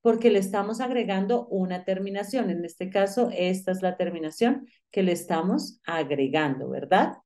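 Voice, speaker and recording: A woman teaching English numbers, speaking to the student directly and repeating each number slowly so it can be drilled. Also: medium pitch, warm tone. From Colombia. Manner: addresses the student directly, with frequent "pilas" and "listo". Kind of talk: online English lesson.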